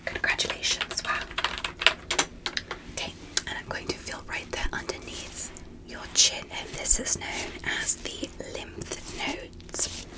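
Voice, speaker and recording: In short, measured phrases, a woman gently and deliberately whispers through an ASMR medical roleplay as an alien doctor full of fascination. Her whisper is soft and breathy, she's an ASMR performer, and the audio quality is low.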